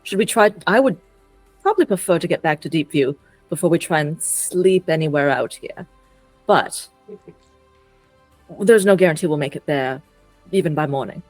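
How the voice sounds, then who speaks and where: A woman's voice: deep voice, animated, moderate pace, long pauses, dry recording, faint music behind, rough recording. A woman playing a tabletop role-playing game, speaking in character and weighing options aloud. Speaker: player.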